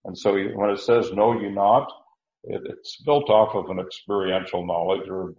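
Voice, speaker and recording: Guy going thru bible verses slow w lots of uh's, kinda low voice, echoey lo-fi sound. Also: fairly even intonation, a little mellow. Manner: unhurried, with frequent uh fillers and restarts. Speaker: Bible teacher. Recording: roomy, dull lo-fi recording.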